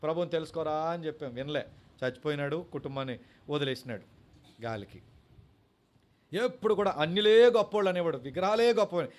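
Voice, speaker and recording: A man's voice: on the high side, expressive, quick pace, pauses often. A male pastor, preaching and telling a story, with sung lines and English words mixed in. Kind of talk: sermon.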